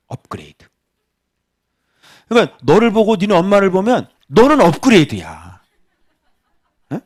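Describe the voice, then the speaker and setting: A man's voice: medium pitch, darkish tone. A middle-aged man preaching a sermon as pastor, chatty and teasing, often quizzing his congregation.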